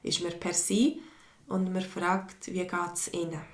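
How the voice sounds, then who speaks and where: Speaking in a fairly low, fairly even voice, this woman from Switzerland teaches a language online with a mixed Swiss German accent. She goes slowly and patiently, reading out viewer comments and responding to their questions in an echoey room.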